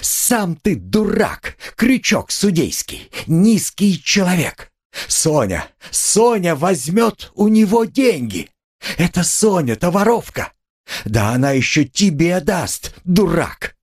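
Guy reading doing a hysterical poor woman, shrieky high and husky, total meltdown. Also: sing-song, takes it slowly, full character voice. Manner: shrieking, frantic, scornful. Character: hysterical, proud, destitute middle-aged woman. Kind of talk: audiobook character voice.

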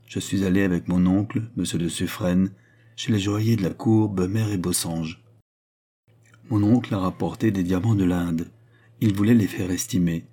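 A man's voice: low voice, mellow, slightly rough. A man reading a desperate young nobleman. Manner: urgent, pleading. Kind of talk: audiobook reading.

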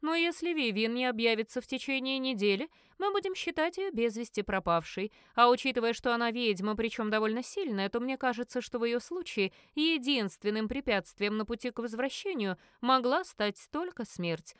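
A woman's voice: on the high side, expressive, normal speed, hardly any pauses, clear, resonant tone, dry recording, natural voice. A woman reading the part of a cold, pressing male investigator in an audiobook, in a dry room. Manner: cold, interrogating.

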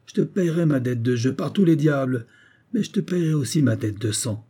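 Man putting on a brutal soldier, mocking, raised voice, dark husky tone, storybook reading. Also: medium pitch, expressive, normal speed, pitched above the performer's own voice. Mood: angry. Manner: jeering, raised and loud. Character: brutal hulking male grenadier, mocking and quarrelsome.

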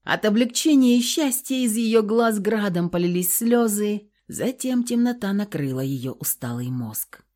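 A woman narrating an audiobook in an expressive, dramatic storytelling manner. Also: medium pitch, a little slow, few pauses.

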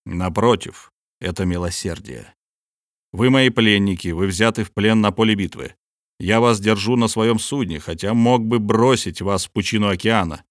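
A man's voice: on the low side, dry recording, clean studio sound, close to an everyday voice. Man reading a cold, commanding sea captain. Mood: stern. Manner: cold, measured and authoritative. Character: stern proud male submarine captain, cold and commanding. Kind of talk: audiobook character reading.

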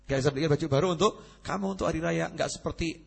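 A man doing a poor apologetic father, gentle, husky voice. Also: fairly high pitch, racing, voice pushed down, heavily acted. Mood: gentle apology.

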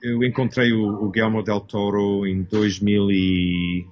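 A man's voice: fairly low pitch, level tone, a little slow, lo-fi sound, faint music behind. A Canadian-born man in his fifties, a costume designer speaking as an interview guest, hesitant and searching for words with many restarts. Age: 50s. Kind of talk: casual interview talk.

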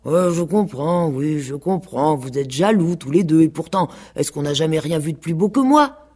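A woman's voice: deep voice, sing-song, fairly quick, darkish tone, husky, full character voice. A woman voicing a naive, self-satisfied fat pig in a radio play. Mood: smug, naive. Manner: guileless and smug.

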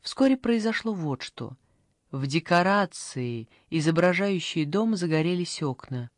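An audiobook narrator reading a literary story in a measured, even storytelling manner. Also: mid-range voice, dry recording, clean studio sound.

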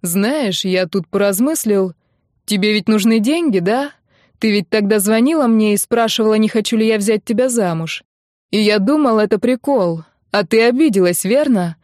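A woman reading an audiobook voices a persistent, cool-headed rich young man who talks in a calm, mocking way. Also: mid-range voice, normal speed, dry recording, clean studio sound, natural voice. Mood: persuasive. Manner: calm and mocking, flaring into shouts.

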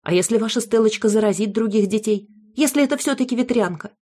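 A prim young mother, as a woman reader puts her on, speaking higher than the reader's own voice. She presses with question after question, insistent and prying. It is a storybook character voice. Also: fast, mellow, close to an everyday voice. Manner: insistent, interrogating.

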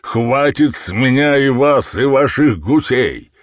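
Furious bellowing goose seller, as a male reader puts him on, raised high and loud, audiobook, dry close sound. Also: expressive, slow, dry recording. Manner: shouting furiously.

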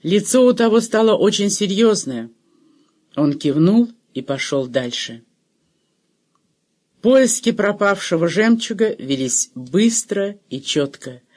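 A high-pitched man reads a novel aloud. His narration is steady and measured, with a careful literary tone. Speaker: audiobook narrator. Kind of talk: scripted narration.

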